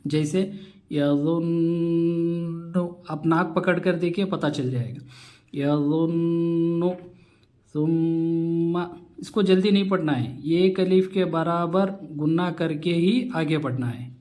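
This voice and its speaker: A man teaching a Quran recitation lesson, spelling out syllables slowly and patiently repeating each rule, with nasal humming on doubled letters. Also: on the high side, a little mellow. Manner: patient, repeats rules step by step.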